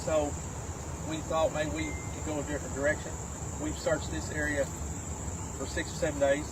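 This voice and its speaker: A man's voice: on the high side, flat delivery, normal speed. A man speaking as a police spokesman at a press briefing, plain-spoken and folksy, repeating phrases for emphasis. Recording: noisy outdoor field audio.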